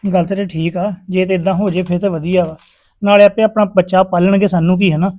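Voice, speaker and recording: A man's voice: high voice, steady tone, brisk, dull audio, close to an everyday voice. An actor playing a worried, easily swayed married village man in a family drama, hesitant and deferential. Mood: agreeing, hesitant. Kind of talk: acted family drama dialogue.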